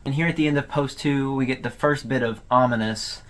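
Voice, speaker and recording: Here a man hosting a video walks through an online horror series, recapping the story with easygoing, conversational commentary. His pitch sits in the middle range, and his pace runs a little fast.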